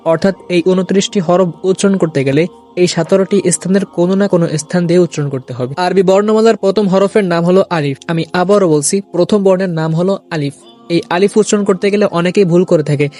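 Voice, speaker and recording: This man's voice sits high and sounds mellow as he works through a video lesson on Arabic letter sounds. He says every letter slowly, then repeats it for viewers to imitate.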